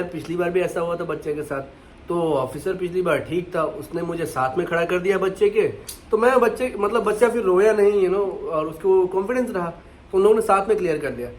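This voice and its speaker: A man's voice: sits high, normal speed, darkish tone, a little hiss or hum. A man co-hosting a travel vlog, chatting casually and conversationally. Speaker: co-vlogger. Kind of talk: casual chat.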